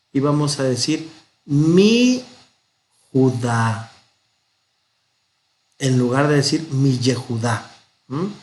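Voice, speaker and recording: A man with a Mexican Spanish accent teaching a Hebrew grammar lesson, patient and methodical, sounding out example words slowly. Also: medium pitch, a little hiss or hum. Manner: patient, explains step by step, pronounces examples slowly.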